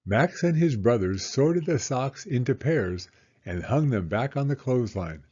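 This is a man narrating a children's storybook in a medium-pitched, slightly rough voice. His delivery is deliberate and expressive, with somewhat dull audio.

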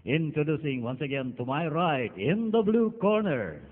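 A man's voice: fairly high pitch, very animated. Boxing ring announcer, man echoing through a hall. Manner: ceremonious, drawn-out calling of names. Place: large indoor arena. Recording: echoing arena PA, phone-like sound.

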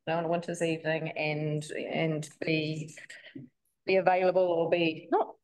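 A woman gives an informal address to a local council meeting. Her voice sits fairly low, and she fills her speech with ums and restarts as she reads loosely from notes. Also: flat delivery, moderate pace, a little mellow. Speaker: member of the public.

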